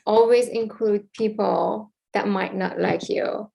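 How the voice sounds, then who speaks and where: A woman from Iran with an Iranian accent, a filmmaker guest talking in a thoughtful, halting way with many fillers. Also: medium pitch, fairly even intonation, creaky, warm tone. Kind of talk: casual interview.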